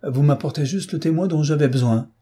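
A man's voice: fairly high pitch, mellow, breathy edge, pitched above the performer's own voice. A man reading as a self-assured police inspector. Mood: confident. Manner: brisk, confident explaining.

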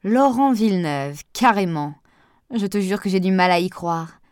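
A woman doing a young lady doctor, quiet and curious, dry close voice. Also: mid-range voice, moderate pace, clean tone, no echo, close to an everyday voice. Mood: polite. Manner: brief, polite replies.

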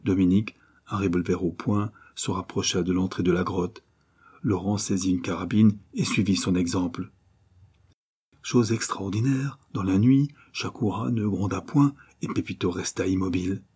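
A man narrating an adventure novel aloud, steady and measured. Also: low-pitched, husky. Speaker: audiobook narrator. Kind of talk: scripted narration.

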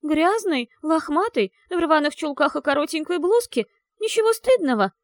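A woman voicing a flustered young werewolf girl whose voice gurgles with tears and swings high and whiny. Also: very animated, moderate pace, dry recording. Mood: embarrassed. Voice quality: tearful, gurgling voice. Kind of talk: audiobook character voice.

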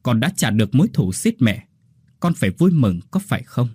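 A man voicing a dying older woman who speaks gently and with remorse in a ghost story. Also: medium pitch, sing-song, brisk, slightly rough, no echo, studio quality. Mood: tender. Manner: soft and tender.

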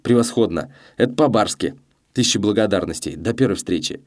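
A man's voice: on the low side, animated, fairly quick, darkish tone, natural voice. A man voicing a boastful ruined gambler baron who rattles on pompously. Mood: excited.

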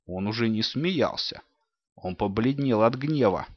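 A man narrating a storybook with expressive storytelling in a dull, dry recording. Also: on the low side, measured pace, no echo. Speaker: audiobook narrator. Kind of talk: scripted narration.

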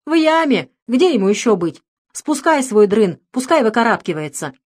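A man's voice: very high-pitched, sing-song, moderate pace, voice pushed up, full character voice. A woman reading an audiobook, voicing a skeptical, brusque man who mocks his friend. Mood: mocking. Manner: loud, mocking.

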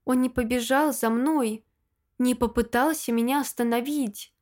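A woman's voice: on the high side, steady tone, measured pace, a little mellow. A woman narrating a first-person audiobook in an emotional, dramatic reading.

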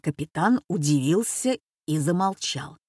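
A woman's voice: sits low, animated, a little slow, darkish tone, breathy edge, dry recording, studio quality. Woman reading a story expressively. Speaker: reader. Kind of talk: scripted narration.

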